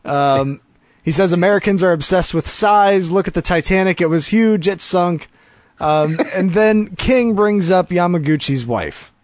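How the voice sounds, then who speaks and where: A man's voice: high-pitched, measured pace, no echo. A man co-hosting a podcast, recapping a wrestling show in a chatty way with easy laughter and many fillers. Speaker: podcast co-host.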